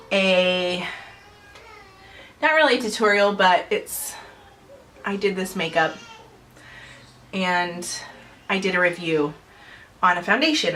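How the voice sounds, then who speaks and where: A woman's voice: medium pitch, bright, forceful tone, poor audio. A young adult woman vlogging at home in casual chat to camera, chatty and rambling with frequent small laughs.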